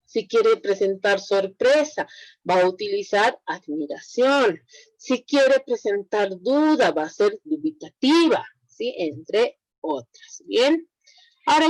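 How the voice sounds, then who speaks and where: A woman teacher gives an online language lesson, explaining at a deliberately slow pace. She keeps checking that students follow. Her voice sounds dry and close, with no room around it. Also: medium pitch, a little mellow, no echo, poor audio. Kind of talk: online class lecture.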